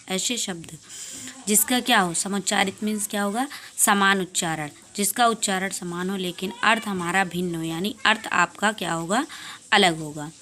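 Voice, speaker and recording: A woman teacher talks through a grammar lesson at a measured pace, repeating each word and asking the class rhetorical questions. Her voice sits at an ordinary middle pitch, with English words dropped into her explanations. A faint hiss and a few clicks run under the recording. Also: a bit bright. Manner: mixes English words into Hindi. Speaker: school teacher. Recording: faint background noise and clicks.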